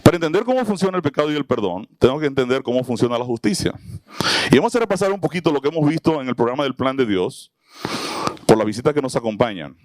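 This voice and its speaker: Quick and expressive, a preacher with a medium-pitched, darkish voice teaches a Bible lesson to a small audience, with no room sound on the recording. His sermon-style teaching mixes questions to the group with little acted-out scenes.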